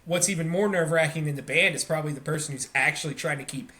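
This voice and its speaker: A man's voice: a little high, racing, bright, forceful tone. A man hosting a podcast, rambling through a story with many fillers. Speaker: podcast host. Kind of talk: casual interview chat.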